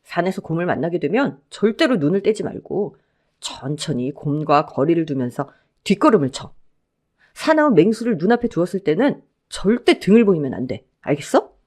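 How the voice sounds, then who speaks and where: A woman voicing a calm, patient husband. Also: fairly low pitch, brisk. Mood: instructive. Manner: patient, instructive. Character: young husband, calm and protective, explaining survival tips.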